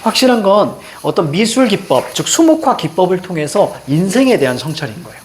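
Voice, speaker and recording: A middle-aged man teaching a class, telling a personal story in a lively, casual way and mixing informal and polite speech. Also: high-pitched, brisk, a little hiss or hum. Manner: animated, switching between casual banmal and polite endings.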